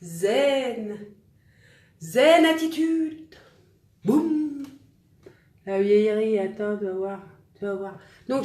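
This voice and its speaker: A woman's voice: on the high side, a little mellow, roomy sound. Chatty, self-mocking woman doing makeup. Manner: chatty, self-mocking, talks to viewers while applying makeup. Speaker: makeup vlogger. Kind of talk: casual makeup tutorial livestream.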